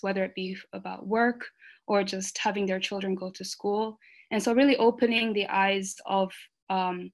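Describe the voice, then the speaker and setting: Earnest woman with a gravelly edge. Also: medium pitch. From Rwanda. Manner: earnest, with many fillers. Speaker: panelist. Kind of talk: online panel discussion.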